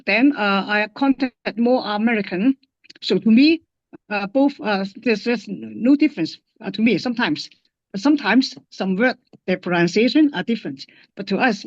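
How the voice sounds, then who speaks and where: A woman from Hong Kong with a Hong Kong English accent, a guest linguist in a casual interview, speaking haltingly with many fillers and restarts. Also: mid-range voice, lively intonation, no room sound, muffled recording.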